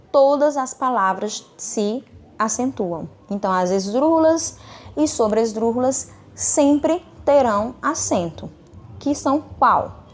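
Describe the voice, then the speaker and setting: A woman teacher with a Brazilian Portuguese accent talks her students through a recorded lesson. She slows down and leans on each example word, and she keeps checking in with short tag questions. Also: on the high side. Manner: slows down and stresses example words. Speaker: Spanish teacher.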